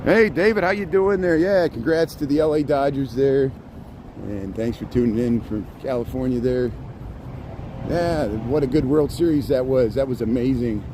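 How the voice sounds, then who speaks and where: A man's voice: medium pitch, moderate pace. A man from the American Midwest hosting a casual walking livestream, rambling and chatty and laughing often, recorded outdoors on a city street on a handheld phone. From Indiana, US Midwest. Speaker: livestream host. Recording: street traffic noise behind.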